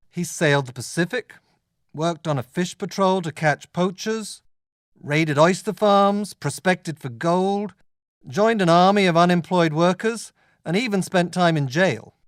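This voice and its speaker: A man performing as a scholarly male literature lecturer with a slightly raised pitch. He explains things in deliberate, measured phrases, as in a scripted academic lecture. The sound is dry, with little room echo.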